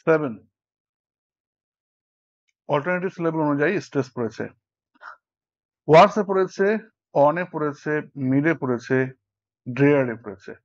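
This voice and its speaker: A man's voice: on the high side, normal speed, long pauses. Bengali-speaking male teacher, lo-fi sound. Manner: counts syllables aloud while explaining. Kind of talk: explanatory lesson. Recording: dull lo-fi recording.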